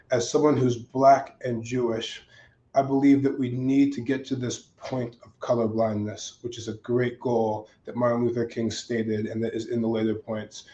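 A hoarse male panelist speaks in a roomy, slightly dull recording. His voice is mellow and stays fairly even as he explains his points in a measured way. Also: medium pitch. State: hoarse from recently losing his voice. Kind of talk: prepared panel remarks.

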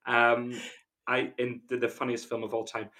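A man's voice: medium pitch, completely flat delivery, moderate pace, bright, forceful tone. A man co-hosting a podcast in casual chat, taking a quiz, chatty and often hesitant. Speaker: podcast co-host, quiz contestant.

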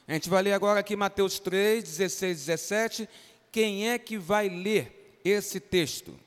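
A man's voice: sits high, measured pace, clear, resonant tone. A man with a Brazilian Portuguese accent, a pastor leading an interactive Bible lesson for children in a church and coaxing them by name to answer. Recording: reverberant church hall.

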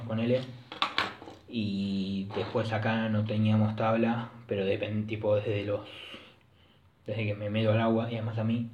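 A young man with a Rioplatense Argentine accent rambles through his solo podcast in a low, flat voice, full of crude slang and self-corrections. The recording is dull and lo-fi, with a boomy, echoey room and faint hiss behind him. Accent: Rioplatense Spanish. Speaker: podcast host. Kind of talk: casual solo podcast monologue.

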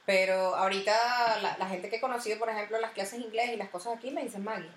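A woman's voice: mid-range voice, fast, slight background noise. Chatty Venezuelan woman, echoey room. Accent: Venezuelan Spanish. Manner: animated storyteller, acts out voices in anecdotes. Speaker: podcast host. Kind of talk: casual podcast chat.

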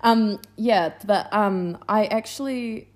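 A woman's voice: mid-range voice, takes it slowly, a little hiss or hum. A young woman co-hosting a casual podcast, rambling and self-mocking, recorded muffled under a blanket at home. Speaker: podcast co-host. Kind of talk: casual chat.

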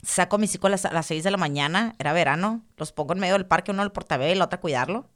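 Woman, thirties, podcast guest, casual storytelling, animated, repeats words. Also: lowish voice, very fast.

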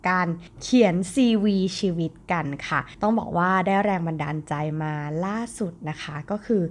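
A young adult woman hosts a solo podcast, chatting casually and warmly with her listeners and speaking to them directly using polite particles. She has a lowish voice and speaks at a moderate pace.

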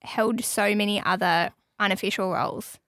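A woman hosts a casual podcast chat in a radio studio, bubbly and talkative and laughing often. Her high-pitched voice is fairly bright with fairly even intonation and a moderate pace, and there's no echo.

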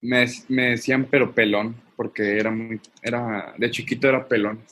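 Easygoing man, raspy voice, laughs easily in casual chat. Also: medium pitch, steady tone, moderate pace, a bit bright.

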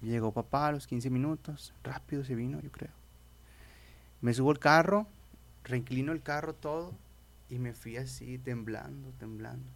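A man's voice: mid-range voice, normal speed, creaky. A young Mexican man with a Spanish accent from Mexico, telling a personal faith testimony in a rambling, casual way with frequent restarts. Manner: rambling storyteller, many restarts, says "brother". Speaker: guest.

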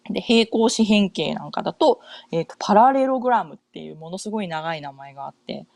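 Chatty woman with lively pitch, dry sound. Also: fairly quick, vocal fry, no room sound. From Japan. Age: middle-aged. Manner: chatty, many fillers and self-corrections. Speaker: podcast host. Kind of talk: casual chat. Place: home in North America.

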